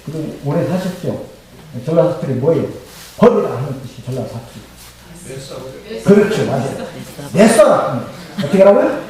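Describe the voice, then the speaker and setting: A man's voice: medium pitch, lively intonation, moderate pace, pauses often, warm tone. A male pastor preaching a sermon who keeps asking the congregation questions and having them repeat the answers. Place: church sanctuary. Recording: very echoey hall, mic far off.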